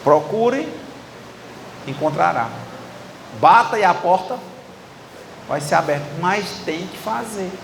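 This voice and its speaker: A man with a Ceará accent gives a sermon in a conversational tone, often slipping into quick imitations of other people's lines. His voice sits high for a man. It carries through a reverberant hall with a faint murmur of ambience behind it. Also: lively intonation, vocal fry, background noise. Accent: Ceará, Brazil. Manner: conversational, acting out dialogue with the audience. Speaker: preacher. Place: church hall with live audience.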